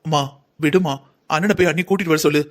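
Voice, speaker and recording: A man voicing a young married daughter in a cartoon story, gentle and placating toward her mother. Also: a little high, steady tone, fast, lightly acted.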